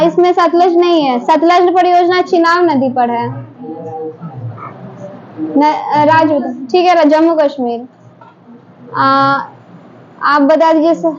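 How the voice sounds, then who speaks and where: A woman teacher running a quick quiz drill in a classroom, briskly prompting students to answer one after another. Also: high-pitched. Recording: dull lo-fi classroom recording, faint noise.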